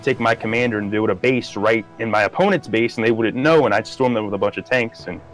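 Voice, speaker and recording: A man co-hosting a podcast in casual gaming chat, halting and repeating words as he goes. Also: lowish voice, faint music behind, poor audio. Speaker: podcast co-host.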